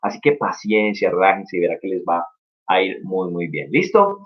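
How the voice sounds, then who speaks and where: A man's voice: deep voice, lively intonation, moderate pace, slightly rough. Encouraging young male teacher, lo-fi stream. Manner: upbeat, encouraging, explains step by step. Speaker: English teacher. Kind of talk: casual live-stream lesson. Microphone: live-stream mic. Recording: dull lo-fi stream audio.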